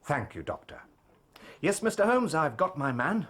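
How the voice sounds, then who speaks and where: A self-satisfied police inspector in a detective radio drama. His voice is a little high and rough-edged, swinging freely as he talks down to people with cocky briskness. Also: big pitch swings, a bit bright, exaggerated voice. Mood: smug, dismissive. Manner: cocky, condescending. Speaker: actor in an audio drama.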